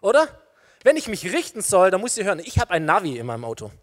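A man with a rather high voice delivers a sermon, turning to his listeners with questions and everyday examples. His voice carries a long reverb from a large hall. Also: quick pace. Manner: lively preaching with illustrations, addresses listeners directly. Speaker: preacher.

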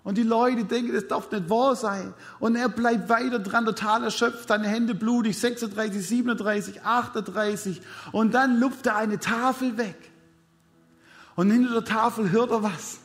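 A man's voice: extremely high pitch, fairly even intonation, moderate pace. A man preaching a sermon, retelling a story dramatically with repeated counting and speaking directly to his congregation.

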